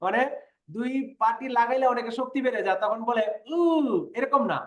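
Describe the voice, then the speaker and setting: A man with a fairly high voice gives an online lesson, patiently repeating sounds and asking his students whether they follow. The recording carries a noticeable room echo. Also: fast talker, a bit bright. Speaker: Korean language teacher. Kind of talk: online class lecture.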